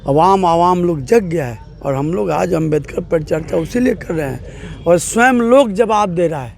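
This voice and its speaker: A man's voice: high voice, animated, moderate pace, vocal fry, darkish tone, slight background noise. A middle-aged man, a district party president speaking forthrightly in an interview, with plain rural phrasing. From Bihar, India. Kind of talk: political interview.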